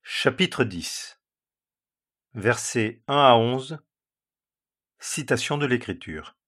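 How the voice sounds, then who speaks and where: A man slowly reading scripture aloud and commenting on it in a measured, solemn way. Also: mid-range voice, animated, a bit bright. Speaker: Bible teacher.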